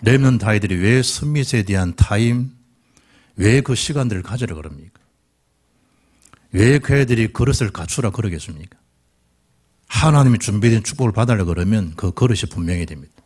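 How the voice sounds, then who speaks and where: A middle-aged pastor preaches a sermon, his low, dark, slightly husky voice leaping up and down as he acts out the quoted lines of biblical figures. He switches between plain teaching and lively dialogue. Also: fairly quick, long pauses.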